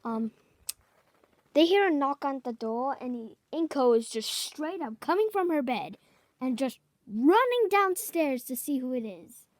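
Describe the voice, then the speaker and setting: A woman improvising a fan story out loud, halting and correcting herself as she goes. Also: sits high, sing-song, no room sound. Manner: halting, self-correcting, clears throat.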